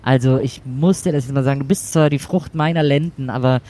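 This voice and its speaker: A man's voice: medium pitch, fairly even intonation, fairly quick, mellow, a little hiss or hum, natural voice. A man playing a mother who is fed up with her know-it-all son and talks bluntly, in a rambling way. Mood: exasperated.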